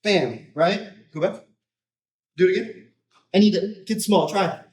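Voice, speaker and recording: High-voiced male coach in echoey room. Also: unhurried, darkish tone. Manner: informal, choppy phrases with repeated tag "right?". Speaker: jiu-jitsu coach. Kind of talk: hands-on technique demonstration, casual explaining. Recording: roomy echo, distant microphone.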